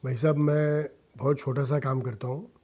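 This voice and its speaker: In a radio studio, a middle-aged man from India, a businessman and social worker, speaks earnestly as an interview guest and drops in English phrases. His mid-range voice is a little mellow, with fairly even intonation at normal speed.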